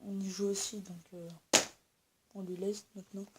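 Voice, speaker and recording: A woman's voice: mid-range voice, little pitch movement, normal speed, very noisy. A young woman filming a casual home-tour vlog, rambling with many fillers and restarts while she is sick. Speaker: YouTuber. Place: at home indoors.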